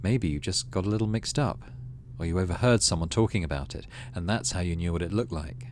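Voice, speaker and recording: This gaming host speaks a little fast in a low-pitched voice, with slight background noise in the clip. He reads the on-screen story aloud during a let's play and chats casually about it.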